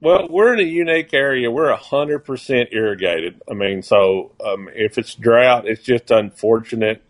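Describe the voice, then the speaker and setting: A man in his sixties with an Arkansas accent talks as a farmer guest on a casual radio show. His delivery is folksy and plain, with halting starts as he thinks aloud. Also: medium pitch. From Arkansas, United States. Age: 60s.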